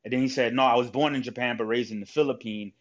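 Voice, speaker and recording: A man talks casually and at length. His speech is full of fillers, restarts and profanity. The audio is dull and lo-fi, with an ordinary mid-range pitch. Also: steady tone, fast. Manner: rambling, profane, lots of fillers. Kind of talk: casual chat.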